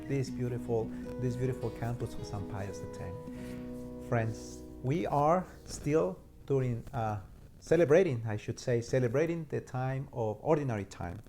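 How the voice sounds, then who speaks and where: A man gives a short homily in a mid-range voice. He speaks earnestly as a priest and often repeats words while he looks for the next one. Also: medium pitch. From Mexico.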